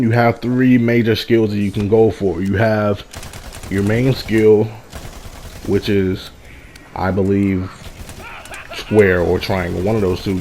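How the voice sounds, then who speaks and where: A man's voice: lowish voice, dark tone. A man giving a casual first-impressions game review, repeating and rephrasing himself for emphasis. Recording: background noise behind the voice.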